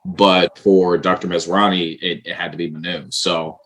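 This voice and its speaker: Man, very low voice, film writer and director, earnest, explains at length, casual interview. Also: little pitch movement, moderate pace, fairly bright tone, rough recording.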